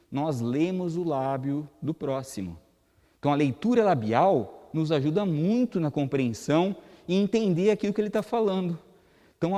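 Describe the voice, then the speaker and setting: A Brazilian man with a Brazilian Portuguese accent gives a lecture to a gathered audience, keeping it conversational and asking them questions along the way. His voice sits a little high for a man. The long reverb of the hall carries behind him. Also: darkish tone. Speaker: guest lecturer at a spiritist center. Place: hall of a spiritist center.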